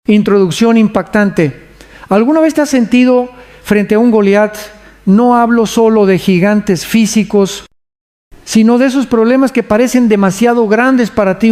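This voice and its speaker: Slow, high-voiced male preacher. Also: a little mellow. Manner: solemn, measured delivery; leads listeners in prayer. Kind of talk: devotional sermon narration.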